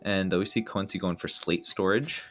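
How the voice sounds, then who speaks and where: Speaking at a normal pace in a low-pitched voice, this man gives live speedrun commentary, casually explaining routes with lots of ums and restarts. Faint music plays in the background.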